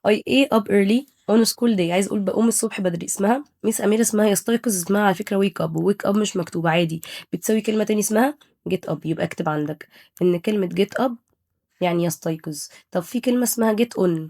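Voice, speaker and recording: A young Egyptian woman runs an English review lesson, her speech racing along. Her voice sits dark and mellow at an ordinary pitch. She keeps asking the class what each word means and answers at once, switching between Arabic and English. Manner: drills students with quick questions and answers. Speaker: English teacher.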